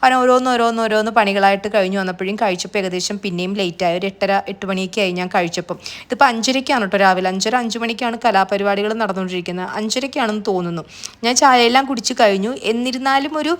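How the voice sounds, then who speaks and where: Fast-talking tired woman vlogger. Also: fairly high pitch. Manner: rambling, chatty, digressive with asides. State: tired from lack of sleep. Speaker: family vlogger. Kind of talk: chatty voice-over narration.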